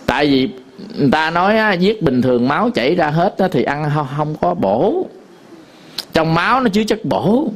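A man's voice: on the high side, big pitch swings, moderate pace. A man with a Southern Vietnamese accent, a Buddhist monk giving a dharma talk to an audience, telling stories with many fillers and repetitions.

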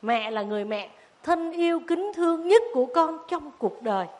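A woman voicing a frightened little boy who pleads and cries in a high, shrill voice. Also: expressive, moderate pace, darkish tone. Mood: tender.

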